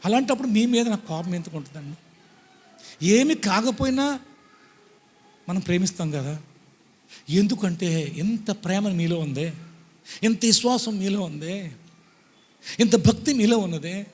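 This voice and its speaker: A man preaching a sermon as pastor, pleading and emphatic, swinging between loud bursts and soft asides. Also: high-pitched, unhurried, long pauses. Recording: long hall reverb.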